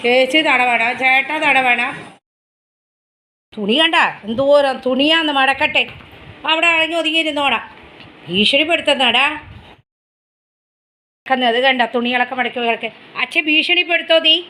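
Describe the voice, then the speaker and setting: Bright high-voiced woman cooing at her dog. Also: normal speed, long pauses. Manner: high sing-song baby talk to the pet, then calm chat to viewers. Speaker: vlogger, dog owner. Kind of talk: casual home vlog, talking to her dog. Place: home, near the kitchen. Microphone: phone camera.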